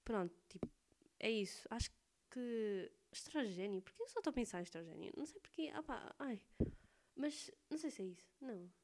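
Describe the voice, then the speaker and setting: A woman's voice: on the high side, animated, a little fast, darkish tone, slight background noise. A teenage girl with a European Portuguese accent, chatting casually to camera in a rambling way, slightly congested with phlegm. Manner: rambling, chatty, full of fillers. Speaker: student vlogger.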